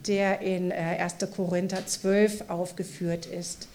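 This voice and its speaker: A woman's voice: on the low side, little pitch movement, slow, a little mellow, slight background noise. A woman preaching a sermon at a church service, asking the congregation questions and drawing them into the talk. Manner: engaging, asks the congregation questions.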